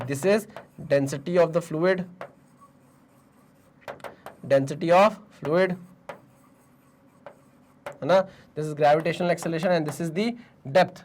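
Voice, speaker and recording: A man's voice: fairly high pitch, a little hiss or hum. A man with a sore throat teaching physics in a Hindi-English mix, asking questions and answering them himself, with Indian-accented English. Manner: Hinglish call-and-response teaching, answers his own questions. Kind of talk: online exam-prep lecture.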